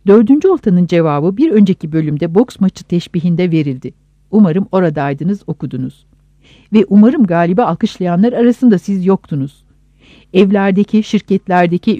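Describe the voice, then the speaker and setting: Earnest reflective reading, warm low-toned voice, kinda muffled lo-fi sound. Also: dry recording. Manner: earnest, reflective, addressing listeners directly. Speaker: reader of a reflective essay book. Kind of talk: measured reading aloud of prose.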